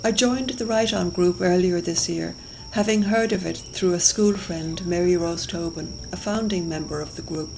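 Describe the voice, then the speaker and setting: A woman's voice: fairly low pitch, moderate pace, creaky, hardly any pauses, warm tone, slight background noise, poor audio. A woman from Galway, giving a scripted personal introduction. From Galway, west of Ireland. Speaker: writing group member. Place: recorded for a lakeside woodland walk video.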